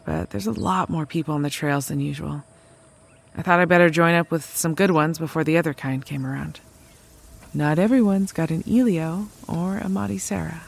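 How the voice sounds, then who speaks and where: In a low, creaky voice, a woman voices a resourceful drifter mechanic recounting her travels. The audio drama is naturalistic, and her delivery is conversational and wry.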